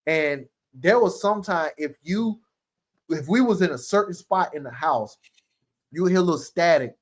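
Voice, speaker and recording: A male host in casual chat, telling lively stories and acting out quotes with frequent laughter. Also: a little high, moderate pace. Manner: animated storyteller, acts out quotes, laughs often.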